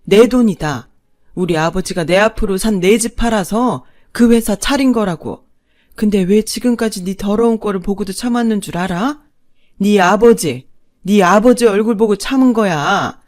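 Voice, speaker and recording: A woman's voice: medium pitch, normal speed, darkish tone, lightly acted. A woman voicing a fierce older mother-in-law who scolds with defiant force in a storybook narration.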